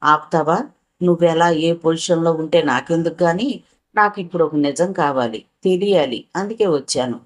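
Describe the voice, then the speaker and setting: A woman's voice: low voice, normal speed. A woman voicing a stubborn young woman from a wealthy house who keeps pressing for the truth. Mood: insistent. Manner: demanding, pressing questions.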